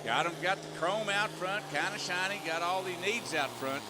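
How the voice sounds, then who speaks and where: A man's voice: high-pitched, moderate pace. A man calling a tractor pull as an announcer, in a folksy, colloquial way with clipped phrases. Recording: loud engine and vehicle noise. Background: roaring engines, outdoor vehicle noise.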